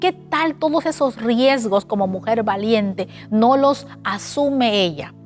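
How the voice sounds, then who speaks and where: Female preacher, animated sermon delivery, higher voice, faint music bed. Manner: animated, asks rhetorical questions.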